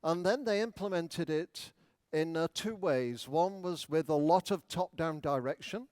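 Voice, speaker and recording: Guy giving a keynote in a big hall, higher voice, slow and smooth, explains things step by step. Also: a little mellow. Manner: playful, leads audience in exercises; measured explanatory lecturing. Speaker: education speaker. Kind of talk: conference keynote talk. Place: large conference hall.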